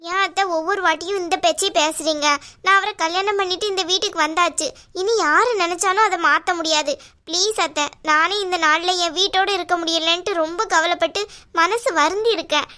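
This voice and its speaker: Patient young wife in a cartoon, voiced by a woman, earnest, high and bright. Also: fairly quick. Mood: pleading. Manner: earnest, pleading. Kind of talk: cartoon voice acting.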